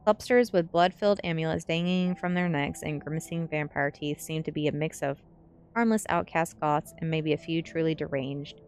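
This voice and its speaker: A woman streamer reads a gothic teen story aloud in audiobook-style narration, with faint music behind her. Her low-pitched, darkish voice is fairly even and moderately paced.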